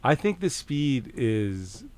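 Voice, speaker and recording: A middle-aged Canadian man telling a story as a podcast guest, casual and animated, swearing freely and acting out the back-and-forth. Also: medium pitch, takes it slowly, clean tone. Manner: animated, swears freely, acts out quoted exchanges.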